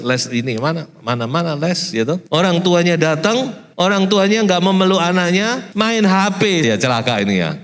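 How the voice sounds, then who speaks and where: A man's voice: lowish voice, long reverb tail. A male pastor preaching a morning sermon with emphasis, putting questions to the congregation and mixing in English words. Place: church hall.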